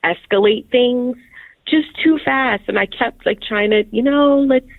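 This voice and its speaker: A woman speaking over a phone line as a guest on a radio show, talking in a hesitant, halting way with frequent restarts. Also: a little high, dry recording. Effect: heard over a phone line. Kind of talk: casual phone conversation.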